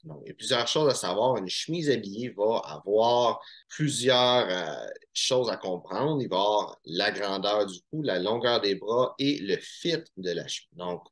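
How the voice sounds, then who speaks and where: A man's voice: fairly low pitch, expressive, unhurried. Casual Québécois man explaining shirts. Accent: Québécois French. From Quebec, Canada. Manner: chatty, informal, many fillers and restarts. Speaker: menswear style YouTuber. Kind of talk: casual instructional talk to camera.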